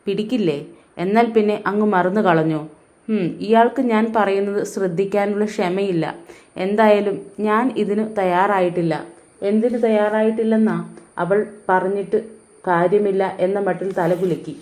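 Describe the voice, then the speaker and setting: Mellow-voiced woman reading an audiobook. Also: mid-range voice. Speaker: audiobook narrator. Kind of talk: scripted audiobook narration.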